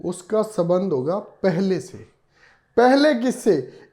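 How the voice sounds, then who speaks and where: A man's voice: sits high, sing-song, slow pace, a little mellow. A man teaching a reasoning class, explaining step by step and repeating key words for students. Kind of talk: classroom lecture.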